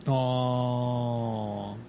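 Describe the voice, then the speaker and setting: A man's voice: medium pitch, level tone, very slow, dull audio, slight background noise. A man hosting a casual radio chat, playful and often laughing as he teases out conspiracies. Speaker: radio host.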